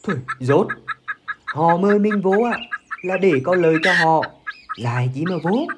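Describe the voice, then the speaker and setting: A man playing a stubborn, proud poor village husband who talks gruffly and dismissively and is quick to shout. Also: on the high side, animated, noisy background, lightly acted. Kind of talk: amateur village skit acting.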